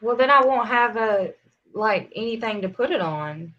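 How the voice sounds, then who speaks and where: A woman hosting a casual live chat, animated and teasing. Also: on the high side, normal speed, muffled recording. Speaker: live show host.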